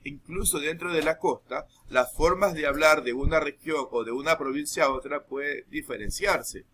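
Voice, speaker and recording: A man teaching a recorded lesson, explaining patiently and checking understanding with quick asides. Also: a little high, sharp tone.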